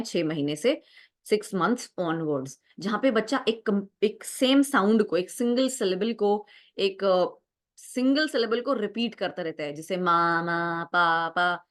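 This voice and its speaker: A young adult woman teaching an exam-prep lecture, explaining step by step, mixing Hindi and English, and often asking "right?". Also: mid-range voice. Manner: explanatory, mixes Hindi and English, frequent "right?" check-ins.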